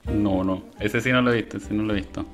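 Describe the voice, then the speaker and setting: A man's voice: lowish voice, steady tone, fast talker, soft background music. A man co-hosting a comedic radio show, teasing his partner. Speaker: radio co-host.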